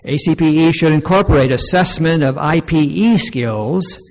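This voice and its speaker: A man presenting poll results to an audience, reading each item aloud more loudly and slowly. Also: fairly high pitch. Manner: reads each item aloud louder and slower. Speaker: presenter leading a workshop poll. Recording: long hall reverb.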